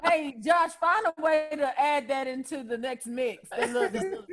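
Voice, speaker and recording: A woman's voice: sits high, steady tone, moderate pace, a crowd in the background. A woman co-hosting a podcast in casual chat, teasing the others in a playful way. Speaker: podcast co-host.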